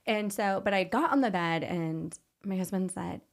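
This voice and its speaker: Podcast host lady, animated storytelling, laughs a lot, medium pitch. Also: moderate pace, gravelly. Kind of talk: casual conversation.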